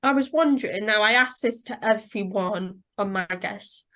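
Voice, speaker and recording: A woman's voice: mid-range voice, moderate pace, fairly bright tone. A woman hosting a radio interview, asking friendly, chatty questions over a video call. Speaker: radio host. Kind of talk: casual interview chat.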